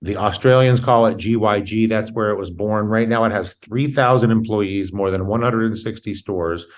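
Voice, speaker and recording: A man's voice: on the low side, normal speed. A man hosting an interview show, often rephrasing his questions as he goes in a conversational way.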